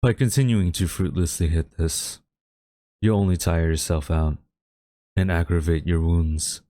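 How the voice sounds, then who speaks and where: In a dramatic audio roleplay, a man voices a haughty, wistful government agent addressing a captured former friend in a smug, deliberate, theatrical way. His low, steady, mellow voice carries a cold, gloating mood, recorded dry in a clean studio.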